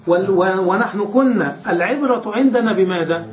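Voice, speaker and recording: High-voiced man teaching grammar in a roomy space. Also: fairly quick, slight background noise. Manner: explains step by step, often checks the students understand. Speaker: sheikh teaching Arabic grammar. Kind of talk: classroom lesson. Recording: roomy, dull lo-fi lecture recording.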